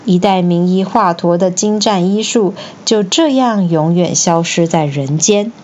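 A woman narrating a classic tale for children in a clear, gently expressive reading voice. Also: fairly low pitch, a little slow, muffled recording, slight background noise. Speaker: storyteller.

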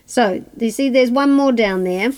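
A woman's voice: fairly high pitch, unhurried, darkish tone. A woman with a New Zealand accent hosting a children's podcast, telling stories conversationally and expressively, repeating words for emphasis and asking listeners questions. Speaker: children's storyteller and podcast host. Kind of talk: conversational oral storytelling for children. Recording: prominent guitar music under speech. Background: guitar music.

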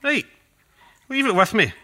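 A man's voice: high voice, big pitch swings, measured pace, pushed and bright, exaggerated voice. An actor playing an affable, mock-formal workshop handyman with a dry sceptical manner in an audio comedy. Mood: courteous, patient.

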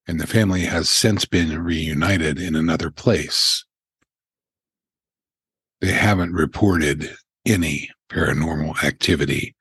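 An older man who hosts a paranormal podcast, telling stories in an unhurried way with asides, in a very deep gravelly voice. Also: fairly bright tone, no room sound. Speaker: podcast host. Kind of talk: paranormal countdown narration.

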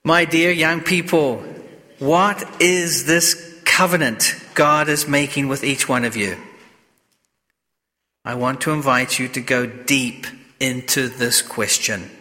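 Echoing, slow-spoken man preaching in church. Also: medium pitch, bright, forceful tone. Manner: solemn, deliberate, measured phrasing. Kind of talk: sermon and scripture reading at Mass. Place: inside a church. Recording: long cathedral-like echo of a church.

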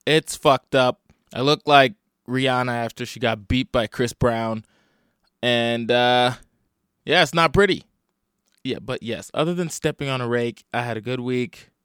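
A man hosts a loose comedy podcast with a split, swollen lip, tired and hungover. His voice is clean and smooth, recorded close and dry. He rambles casually, swearing freely and poking fun at himself. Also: medium pitch, fairly bright tone, dry recording. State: swollen, bruised upper lip. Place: at home in a basement.

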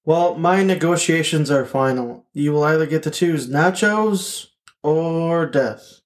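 Playing a jittery husband who opens his front door to trouble, a man speaks in a slightly high voice at a slow pace. He's flustered and hesitant, stammering with lots of fillers and restarts, his attempts at toughness repeatedly falling apart.

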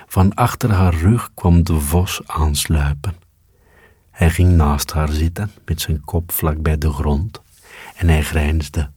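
A man calmly reading a storybook aloud as narrator. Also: rumbling low, breathy edge, dry recording, studio quality. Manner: calm, unhurried reading.

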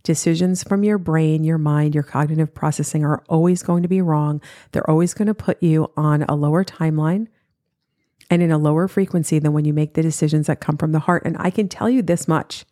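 A woman's voice: low-pitched, steady tone, a little fast, warm tone, dry recording, studio quality. A woman in her forties hosting a motivational podcast, talking earnestly and repeating her key points for emphasis. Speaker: podcast host.

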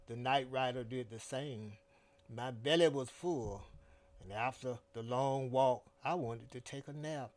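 A man narrating a first-person story in a slow, deliberate storytelling manner. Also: medium pitch.

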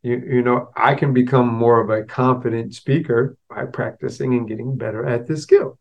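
On his casual solo podcast, a man speaks conversationally at an even, mid-range pitch and normal speed, his voice gravelly. A slight stutter makes him repeat and restart words, he blends street slang with business terms, and the recording sounds a little dull.

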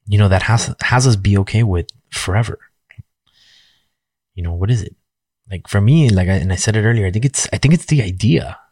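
A man's voice: sits low, a little mellow, no echo, studio quality. A man in his forties speaking candidly and frankly in a rambling personal monologue, swearing casually and using lots of fillers. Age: 40s.

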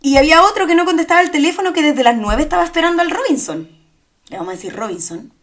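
A young woman with a Chilean accent and a high, light voice. She tells stories in casual chat, loose and slangy, and keeps laughing along the way. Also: fast talker. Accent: Chilean Spanish. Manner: lively storytelling with slang and laughs. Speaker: podcast co-host.

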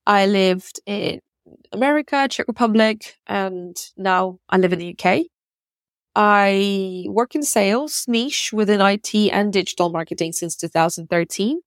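Speaking unhurriedly at a medium pitch, a woman in her thirties hosts a podcast and talks through a reflective personal monologue, candid and musing, with many fillers and restarts. Born in Ukraine and raised in Russia, she is captured in a dry studio-quality recording.

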